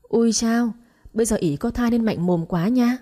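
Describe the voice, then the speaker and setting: A woman voicing a sharp-tongued, mocking middle-aged sister-in-law in a read-aloud story. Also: a little high, lightly acted. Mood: defiant. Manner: mocking, scolding, quick jabs.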